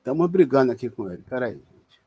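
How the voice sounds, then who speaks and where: A man's voice: medium pitch, very animated, a little fast, dark tone, slightly rough. A man with a Brazilian Portuguese accent giving an online spiritist lecture in a conversational, explanatory way, with restarts and tag questions.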